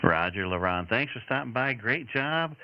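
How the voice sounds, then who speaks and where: A man's voice: mid-range voice, expressive, normal speed. A man acting as amateur radio net controller, giving signal reports in encouraging, repetitive procedure talk over two-way radio. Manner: encouraging, repeats himself. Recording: muffled radio audio, loud static.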